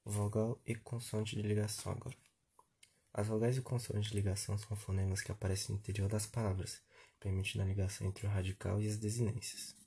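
Male teacher, gravelly low voice, flat steady delivery, reads word lists methodically. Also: quick pace. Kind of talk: grammar lesson review.

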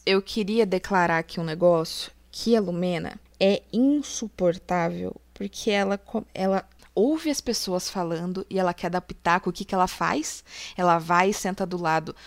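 A woman's voice: fairly low pitch, moderate pace, dry recording. A woman co-hosting a casual chat, giving frank and indignant opinions about people on a reality show. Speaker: co-host.

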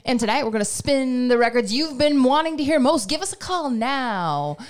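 A woman host putting on an upbeat 1950s AM radio disc jockey, with slow, drawn-out crooning patter. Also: high-pitched, animated, smooth, pitched above the performer's own voice. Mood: hammy. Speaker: podcast host.

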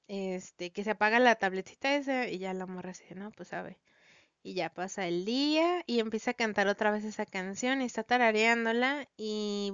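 Smooth-voiced Mexican woman retelling a story. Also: mid-range voice, fairly bright tone, no echo, muffled recording. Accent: Mexican Spanish. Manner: slangy, rambling, many fillers and restarts. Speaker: vlogger recounting a story. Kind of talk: casual plot retelling to viewers.

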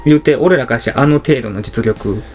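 A man's voice: mid-range voice, brisk, darkish tone, faint music behind. A man with a Kansai accent, chatting casually and explaining his theories at length as a podcast co-host. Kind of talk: casual chat, speculating at length.

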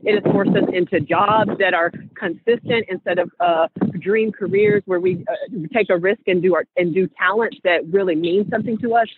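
A woman's voice: mid-range voice, sing-song, normal speed, hardly any pauses, noisy background. A woman co-hosting a group call, speaking earnestly and building into passionate, rallying talk. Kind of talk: casual inspirational talk. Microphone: phone. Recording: phone line audio.

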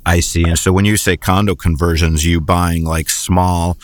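A man's voice: sits low, little pitch movement, moderate pace, dry recording. A man hosting an interview podcast, rambling and folksy with many fillers. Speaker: podcast host.

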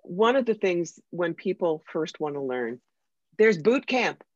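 An American psychic medium, appearing as a guest, tells stories in a conversational interview with an animated, emphatic and wry manner. Her medium-pitched voice moves at a measured pace, and the lo-fi recording is dry, slightly dull, with no room sound.

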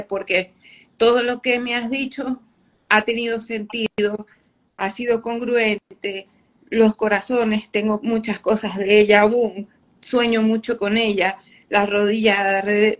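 A woman speaking earnestly and gratefully as a guest in a spiritual reading, emotional as she talks. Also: mid-range voice. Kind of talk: emotional conversation.

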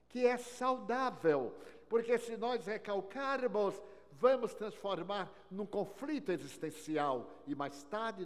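Older man lecturing in a reverberant hall. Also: sits high. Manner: storytelling with wry humor, sweeping swings in loudness. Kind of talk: inspirational lecture. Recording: long reverb of a large hall.

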